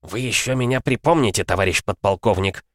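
A man voicing a furious, stocky male army commissar who yells accusations. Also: brisk, no echo, studio quality, lightly acted. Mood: cold, threatening. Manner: shrill yelling, accusing.

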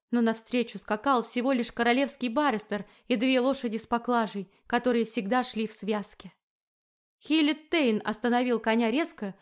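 Woman reading fantasy audiobook, slightly high voice, steady and expressive. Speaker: audiobook narrator. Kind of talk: scripted fantasy narration.

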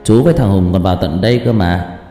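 A man voicing a bitter, vengeful older guard in a horror story, speaking low and grave. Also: fast talker, mellow, lightly acted. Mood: grim. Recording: echoey hall, long reverb, faint music.

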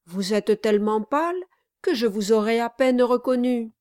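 A woman's voice: a little high, moderate pace, a little mellow, no echo, studio quality, lightly acted. A woman voicing a humble, earnest young male servant in an audiobook, speaking politely and gratefully.

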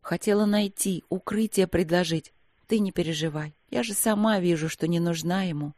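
A reader voicing a quiet, restrained woman army captain who answers her mother calmly and firmly, in an audiobook. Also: medium pitch, moderate pace, dry recording, natural voice.

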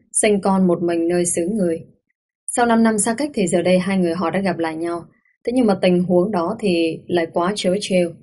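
A woman narrating a romance audiobook, reading in a measured, softly expressive way. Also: lowish voice, dry recording. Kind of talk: scripted story narration.

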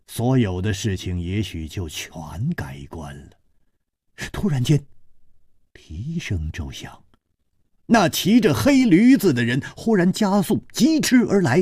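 A male storyteller narrates a martial arts tale slowly, swinging his pitch widely for drama. His voice sits at a middle pitch, recorded dry and close with no room sound. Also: slightly rough, no room sound. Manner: slow, expressive and dramatic narration.

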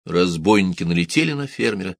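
Low-voiced male audiobook narrator. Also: lively intonation, brisk, creaky, no room sound.

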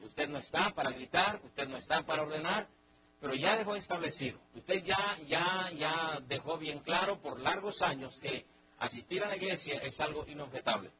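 A middle-aged man with a Mexican accent teaching a Bible study in a lively sermon style, acting out everyday family scenes with many restarts. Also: on the high side, normal speed, a little hiss or hum, low-quality recording.

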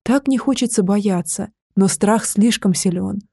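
A woman narrating a novel in the first person with steady, intimate storytelling. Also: medium pitch, unhurried, gravelly, breathy edge, no room sound, clean studio sound. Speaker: audiobook narrator.

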